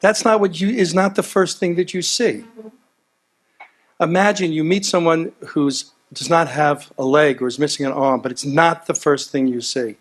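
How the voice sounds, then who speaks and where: A man's voice: a little high, moderate pace. A man giving a heartfelt speech at a gala, earnest and repetitive, telling stories with animation. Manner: earnest, repeats himself, animated storytelling. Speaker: gala speaker. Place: event hall.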